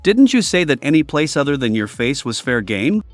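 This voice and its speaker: A man's voice: a little high, very animated, moderate pace, no room sound, faint music behind. A man doing a sarcastic young cultivator. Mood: mocking calm. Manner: dry, sarcastic and unbothered. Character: cold, mocking young male cultivator.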